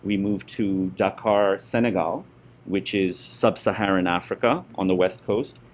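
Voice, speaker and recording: Low-voiced middle-aged man from India. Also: steady tone, unhurried. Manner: hesitant, many fillers and restarts. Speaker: guest, school parent and former board member. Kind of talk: conversational interview.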